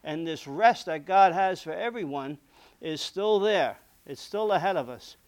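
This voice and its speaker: A man's voice: high-pitched, expressive, unhurried. A man preaching a sermon in an earnest, conversational way, often checking in with "okay?", and saying he is losing his voice.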